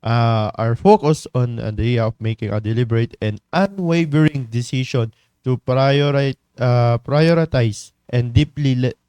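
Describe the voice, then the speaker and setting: A man with a Filipino accent leads a morning church devotion, speaking at a middle pitch in a loose, chatty way. He often stops to ask the listeners questions and teases them. The sound is dry and close, with little room echo. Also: unhurried, warm tone, clear, resonant tone. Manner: conversational, teasing the congregation, many tag questions. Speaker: devotion leader.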